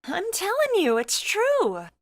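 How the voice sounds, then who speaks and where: A woman voices a playful, excitable young woman in a visual novel, the teasing and loyal best friend, in a full character voice. Her pitch jumps high and expressive, she speaks slowly, and the recording is very dry. She sounds insistent and amused.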